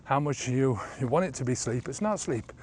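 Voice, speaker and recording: A man's voice: medium pitch, expressive, moderate pace, a little mellow, slight background noise. 50ish guy vlogging on a trail, camera held out, lots of ums and you knows. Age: about 50. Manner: rambling, heavy with fillers. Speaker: sobriety coach. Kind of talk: casual vlog talk while walking. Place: outdoor scrubland trail. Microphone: handheld camera at arm's length.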